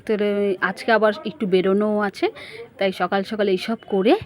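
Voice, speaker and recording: A woman's voice: medium pitch, level tone, fairly quick, darkish tone. A woman narrating a casual family vlog, chatting straight to her viewers and asking them questions. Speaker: family vlogger.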